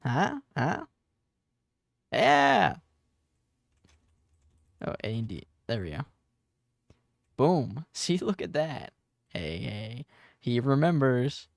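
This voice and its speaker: A man's voice: mid-range voice, wildly swooping pitch, very slow, gravelly, long pauses, no room sound, clean studio sound. A man of twenty talking through his game code in a casual, rambling way, full of fillers and self-corrections. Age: 20s. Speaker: game dev tutorial host. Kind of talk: casual coding tutorial with storytelling.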